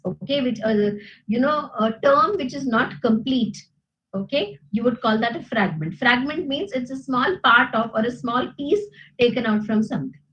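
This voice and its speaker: A woman's voice: fairly high pitch, slight background noise, poor audio. A woman with an Indian English accent, teaching a grammar class and checking understanding with frequent "okay?" and "isn't it?". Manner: explains patiently, asks "okay?" and "isn't it?" often.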